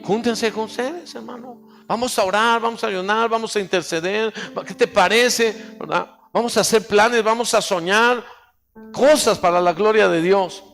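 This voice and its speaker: With a high voice edged by vocal fry, a pastor preaches at a moderate pace, guiding his congregation through call-and-response. A long echo carries his words through a large church hall, while soft instrumental music plays faintly underneath.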